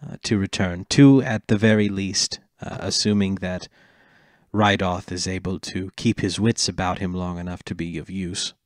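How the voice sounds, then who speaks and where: A man voicing a gentle, earnest elf in a tabletop game, with a soft, slightly camp, formal manner. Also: deep voice, fairly even intonation, normal speed, no room sound, clean studio sound, voice pushed down, natural voice. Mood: calm, explanatory. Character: gentle, earnest male elf orchard keeper, formal and measured. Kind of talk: tabletop role-play.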